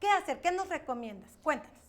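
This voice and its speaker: A woman hosting a chat, asking her guest questions in a lively, chatty way. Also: high voice, fairly quick. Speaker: host. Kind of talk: casual chat.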